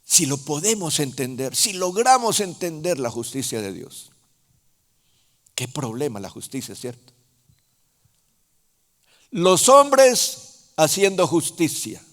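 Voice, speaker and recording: A man preaching a sermon in a Honduran Spanish accent, speaking slowly and emphatically, with sudden loud rises and soft drops. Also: medium pitch, expressive. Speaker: apostle preaching. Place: large church hall. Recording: reverberant church hall.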